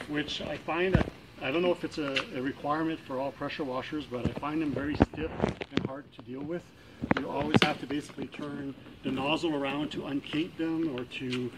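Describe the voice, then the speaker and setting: A middle-aged man demonstrates a product outdoors in a driveway, speaking casually and plainly with many fillers and restarts. His fairly high voice is captured from a distance by a camera mic, with background noise.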